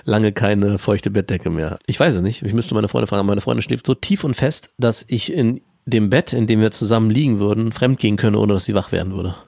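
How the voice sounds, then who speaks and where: Gravelly low-voiced man in casual talk. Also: brisk, few pauses, warm tone, no echo, clean studio sound. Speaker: podcast co-host. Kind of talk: casual conversational podcast.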